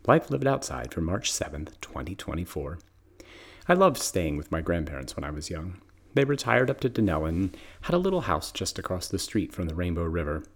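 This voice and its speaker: A man's voice: low-pitched, darkish tone. A middle-aged man who owns a garden center, reading a reflective personal essay in a storytelling manner. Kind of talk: scripted personal essay narration.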